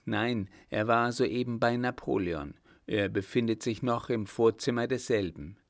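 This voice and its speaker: A man's voice: mid-range voice, measured pace, no echo, studio quality, close to an everyday voice. A man reading an audiobook voices an earnest young hussar lieutenant in a near-normal voice.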